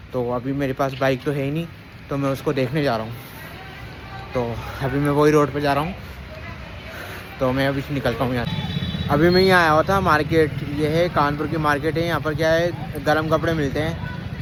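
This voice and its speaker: A man talking casually to his phone camera as a vlogger and father, chatty and always pointing things out to his viewers. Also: on the high side. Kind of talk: casual vlog narration to camera. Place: outdoors, rooftop and street market. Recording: street noise with passing vehicles.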